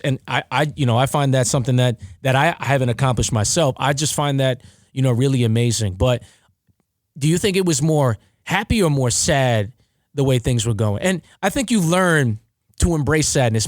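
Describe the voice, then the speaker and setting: A man's voice: medium pitch, no room sound, studio quality. A man hosting a casual podcast conversation, talking reflectively like a mentor and asking his guest leading questions. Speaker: podcast host and referee.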